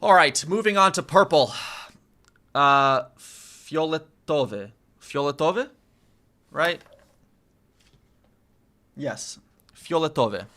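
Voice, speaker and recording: A man who is a native English speaker practices Polish with an English-speaking accent, thinking aloud casually, repeating phrases slowly and checking himself with questions. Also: a little high, very animated, bright, forceful tone. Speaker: language learner streaming his study.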